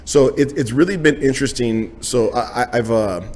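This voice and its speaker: Recorded in a small home gym, this podcast host talks at a moderate pace in a medium-pitched voice, keeping the interview relaxed and loose with many fillers and repeated yeahs. Slight hiss or hum is audible.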